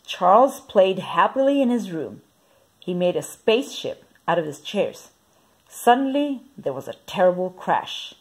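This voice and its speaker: A woman reading a children's picture book aloud, lively and expressive. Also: fairly low pitch, measured pace, husky. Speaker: storyteller.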